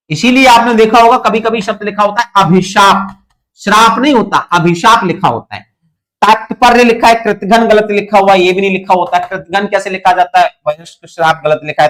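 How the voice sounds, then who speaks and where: High-voiced male Hindi grammar teacher. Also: fairly bright tone. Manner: explains step by step, repeats key points, asks students questions. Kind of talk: online exam-prep lesson.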